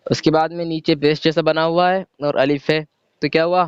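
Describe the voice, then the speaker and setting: This man's pitch is fairly high and his tone level and clean, recorded dry. He teaches a patient, step-by-step reading lesson, sounding out letters one by one and answering questions he poses himself, though the overall sound is dull and lo-fi.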